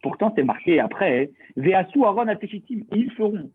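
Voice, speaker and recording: A man's voice: sits high, sing-song, normal speed, slightly rough. A man giving a Talmud lesson, asking rhetorical questions and reading and translating Hebrew terms as he explains. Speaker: Talmud teacher. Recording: tinny phone-like line.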